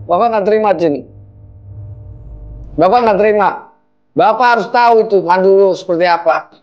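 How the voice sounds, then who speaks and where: Guy playing an angry dad yelling at his son-in-law, won't calm down. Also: high voice, normal speed, dull audio, close to an everyday voice. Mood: furious. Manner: scolding, insistent, confrontational. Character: angry middle-aged father confronting son-in-law. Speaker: father-in-law. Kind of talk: low-budget film acting.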